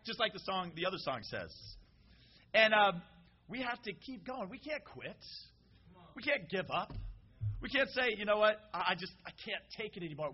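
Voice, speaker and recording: A man preaching a casual, animated sermon and calling out to the congregation. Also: on the high side, lo-fi sound.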